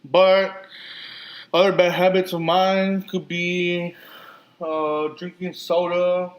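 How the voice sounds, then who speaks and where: Slightly high-voiced man with a lisp. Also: little pitch movement, slow pace, rough recording. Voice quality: lisp and slurred speech. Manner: rambling with many restarts and fillers. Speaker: podcast host. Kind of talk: casual solo podcast talk.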